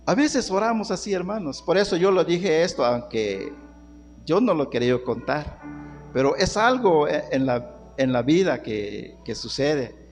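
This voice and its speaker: A man's voice: a little high, lively intonation, unhurried, long reverb tail, faint music behind. A man preaching a sermon, calling on the congregation as brothers and repeating phrases for emphasis.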